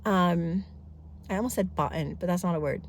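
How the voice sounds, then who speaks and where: At a moderate pace, a woman in her thirties with a lowish voice talks casually in a family vlog, a little hiss or hum audible. She sounds congested from a head cold and rambles talkatively with many asides.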